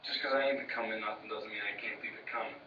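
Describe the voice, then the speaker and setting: An actor playing a rambling working-class brother with a Brooklyn accent who stammers and repeats himself, in film dialogue. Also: male voice, on the low side, steady tone, fast talker, sharp tone, highs cut off, slight background noise. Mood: grumbling. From Brooklyn, New York.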